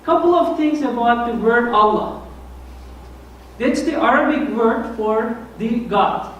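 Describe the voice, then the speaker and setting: A high-voiced man with a thick Turkish accent, giving an earnest explanatory talk. He sounds set back from the mic in a very echoey church hall. A faint hiss sits under his voice. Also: lively intonation, slow, a bit bright, far from the mic, muffled recording. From Turkey. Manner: earnest, explanatory, self-deprecating humor. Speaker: guest speaker. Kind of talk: church presentation on Islam.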